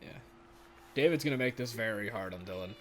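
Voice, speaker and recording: A man doing casual, excitable play-by-play commentary of a video game from home. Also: lowish voice, fairly quick, slight background noise. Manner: chatty, excitable, laughs often. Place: home room.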